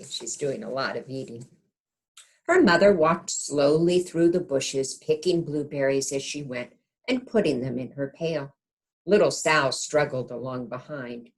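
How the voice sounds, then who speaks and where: Like a kindergarten teacher, this woman reads a picture book aloud to little kids in a rumbling low voice. She pauses for explanations and gentle questions to the listeners.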